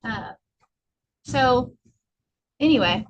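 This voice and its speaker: Woman trainer, slightly high voice, loose rambling delivery, faint background noise. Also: animated, very slow, dull audio. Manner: loose and rambling, with many fillers. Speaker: workshop presenter. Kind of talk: casual office training talk.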